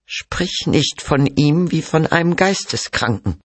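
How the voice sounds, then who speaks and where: A frail, distraught mother speaks in a raised, strained pitch, as a male reader puts her on. She is bitter and accusing, with breathless outbursts and a husky edge. The recording is dry and close. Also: expressive, measured pace, no room sound, heavily acted. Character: frail distraught mother, middle-aged woman.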